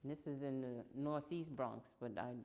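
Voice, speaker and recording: In an indoor room in downtown New York, a woman in her sixties from Long Island gives an oral history interview. Her voice is very deep, and her plain, unhurried answers trail off quietly.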